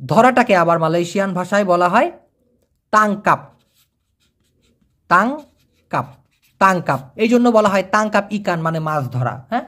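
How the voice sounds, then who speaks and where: A language teacher, explaining vocabulary over pictures and checking understanding with quick questions. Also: medium pitch, a bit bright. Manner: repeats each word and checks with quick questions.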